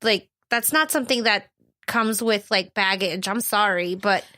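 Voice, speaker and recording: A woman co-hosts a casual podcast in a bright, sharp voice. She is emphatic and outspoken, and she fills her sentences with 'like'. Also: mid-range voice, a little slow. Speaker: podcast co-host. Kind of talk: casual chat.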